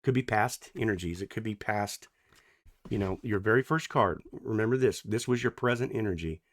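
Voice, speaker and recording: A man giving a casual, playful tarot reading to camera, chatty and rambling, swinging between loud and soft. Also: on the low side, normal speed. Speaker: tarot reader.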